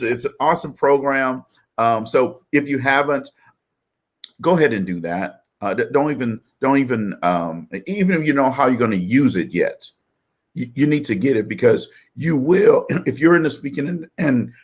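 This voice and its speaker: Male show host, upbeat and encouraging, mid-pitched, loose with fillers. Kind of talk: casual podcast chat.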